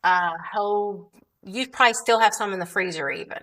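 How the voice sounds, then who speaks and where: A woman's voice: medium pitch, brisk, a bit bright. A woman, hosting a casual talk show and chatting in a rambling way, often restarting her sentences. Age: 60s. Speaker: show host.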